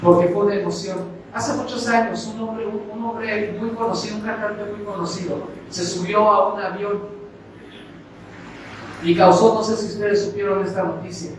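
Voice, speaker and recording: A man's voice: high-pitched, steady tone, moderate pace. A middle-aged Mexican man preaching a sermon as pastor, speaking straight to his congregation, calling them brother and asking them rhetorical questions. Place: church hall. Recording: echoey church hall heard from a distance with background noise.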